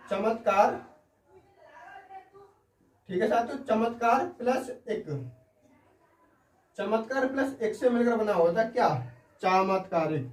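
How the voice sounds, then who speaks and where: A man's voice: high-pitched, slow pace, long pauses. A man teaching Hindi spelling in an online lesson. He goes through the words one by one and keeps checking in with his listeners. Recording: roomy sound, mic at a distance.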